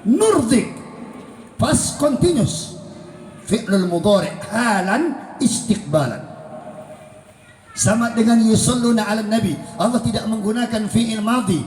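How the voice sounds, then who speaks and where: High-voiced preacher in an echoey hall. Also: male voice, expressive, measured pace, pauses often, darkish tone. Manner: storytelling with acted dialogue, swooping pitch. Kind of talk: sermon. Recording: echoey hall with faint noise.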